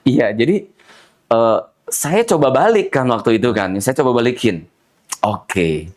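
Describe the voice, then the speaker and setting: A man who teaches Quran recitation tells stories from his classes in an easy, chatty way. His pitch moves widely as he acts out his students' slips, and he breaks into laughter often. He sits at a middle pitch. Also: unhurried. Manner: animated, mimics students' mispronunciations, laughs often. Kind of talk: casual conversational storytelling.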